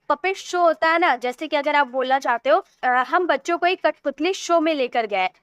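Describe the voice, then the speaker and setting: Indian woman, English teacher, high voice, dry close sound, slow careful repetition. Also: a bit bright, dry recording. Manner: repeats each word slowly, drawn-out English examples. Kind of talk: vocabulary lesson.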